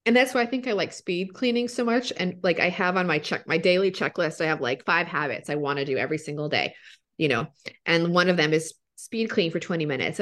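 A woman's voice: lowish voice, a bit bright. Casual woman thinking aloud. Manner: informal, thinking aloud with frequent "like". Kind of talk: casual conversational discussion.

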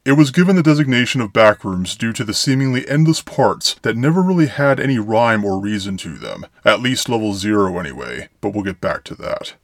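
A man's voice: medium pitch, no echo. A man narrating eerie horror tales as a show host, in a grandiose, florid, theatrical storyteller manner. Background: music.

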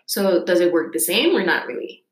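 A woman's voice: lowish voice, sing-song, brisk. Curious woman hosting. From Costa Rica. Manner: curious, chatty questioning with many fillers. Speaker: host. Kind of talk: casual interview. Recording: echoey room.

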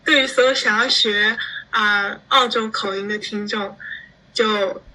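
A teenage girl from China, chatting as a guest in an interview, animated and quick to laugh. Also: medium pitch, poor audio. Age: teens. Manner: chatty, animated, laughs often while explaining. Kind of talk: casual interview chat.

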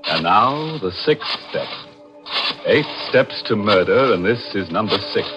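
An actor playing a wryly gleeful, macabre mystery host, with sardonic, theatrical mock sympathy in old-time radio narration. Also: male voice, on the low side, lively intonation, unhurried. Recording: dull vintage radio recording with music.

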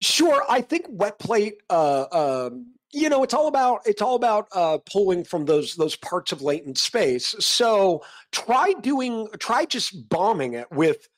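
Guy on a live stream, bouncy lively pitch, rambles and laughs a lot. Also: unhurried, hardly any pauses, poor audio. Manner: rambling, restarts, excitable, laughs often. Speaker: livestream co-host demonstrating AI image prompts. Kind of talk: casual livestream chat.

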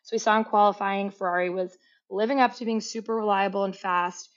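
A woman's voice: medium pitch, steady tone, a little fast. An upbeat woman co-hosting a chatty podcast, her voice sitting in an ordinary middle register. The sound is a little dull and lo-fi, as from a modest home mic. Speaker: podcast co-host. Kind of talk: casual chat.

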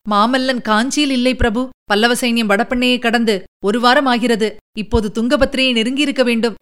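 A woman's voice: a little high, steady tone, normal speed, fairly bright tone, clean tone, lightly acted. A woman voicing a male prime minister in an audiobook, speaking in a hesitant, deferential way. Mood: anxious. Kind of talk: audiobook character reading.

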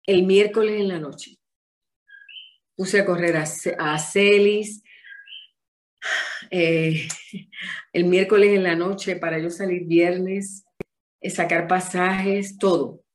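A woman's voice: on the low side, slow pace, long pauses. A woman gives a testimony and sermon, telling her story vividly and acting out the dialogue. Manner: animated storytelling, acts out dialogue. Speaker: preacher.

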